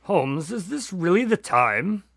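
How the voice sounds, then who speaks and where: Man as dry long-suffering doctor, higher-pitched, close sound. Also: sing-song, measured pace, a bit bright, no room sound, heavily acted. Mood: mildly exasperated. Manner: grudging, dryly humorous. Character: dry, long-suffering male doctor, detective's loyal sidekick. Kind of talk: scripted radio drama acting and narration.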